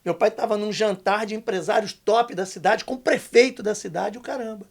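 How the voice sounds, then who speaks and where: An older man, a podcast guest telling a testimony story, emphatic and slangy, going hushed when quoting others. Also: high-pitched, fairly quick, gravelly. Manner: emphatic, slangy, dips to a hushed voice for quoted lines.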